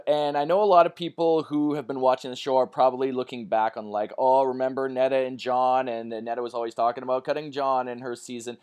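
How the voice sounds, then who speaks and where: A man's voice: mid-range voice, a little mellow. A man hosting a casual chat, asking long rambling questions that keep restarting. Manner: rambling, restarts his questions, tangles himself up. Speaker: host.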